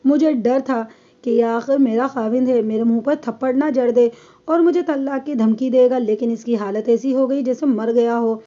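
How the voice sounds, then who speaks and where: A woman's voice: a little high, fairly even intonation, warm tone, highs cut off, lightly acted. A woman voicing a defiant young wife who bluntly tells her story in a police statement, read as an audiobook. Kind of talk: audiobook reading.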